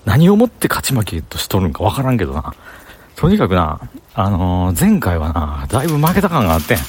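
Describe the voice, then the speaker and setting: A man vlogger with a Kansai accent in the Banshu (Himeji) dialect rambles casually to himself while walking through city streets, talking to camera and thinking aloud. His voice is low and a little mellow, with wildly swooping pitch and a brisk pace, plus a little hiss or hum.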